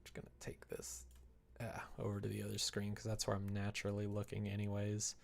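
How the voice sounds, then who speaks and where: A man with a lowish, monotone voice and vocal fry talks fairly quickly as he live streams game development. Sitting at a computer desk indoors, he chats casually while working, muttering to himself in between replies to chat.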